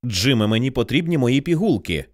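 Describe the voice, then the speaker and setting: A man's voice: mid-range voice, sing-song, brisk, close to an everyday voice. A man reading an audiobook, voicing a frightened woman who pleads with a trembling voice for her pills. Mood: pleading.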